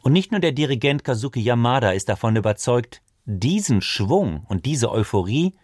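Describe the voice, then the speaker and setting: A man reading a scripted radio feature in a measured, precise way. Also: mid-range voice, big pitch swings, a little mellow, dry recording. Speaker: radio presenter. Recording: dry studio sound.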